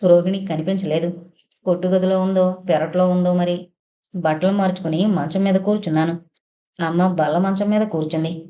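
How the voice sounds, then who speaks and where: A woman narrating a first-person audio novel in a steady, even storytelling manner. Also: fairly low pitch, moderate pace.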